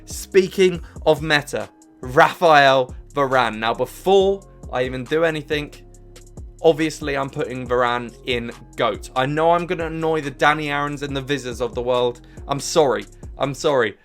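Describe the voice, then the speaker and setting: A man's voice: medium pitch, normal speed. A young man giving enthusiastic, emphatic commentary as a gaming YouTuber ranking cards on a tier list. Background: faint background music.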